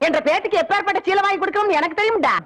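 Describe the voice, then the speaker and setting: A woman playing a loud, bossy village grandmother who scolds and threatens in a film comedy. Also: extremely high pitch, racing. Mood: scolding. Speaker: actress in a film comedy scene.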